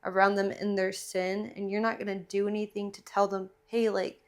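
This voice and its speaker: A woman with soft R's that sound like W's, discussing faith casually as a podcast co-host, speaking with earnest conviction and saying "like" often. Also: medium pitch, completely flat delivery, a little fast. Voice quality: trouble pronouncing R's, says w for r. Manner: earnest, impassioned, heavy use of "like".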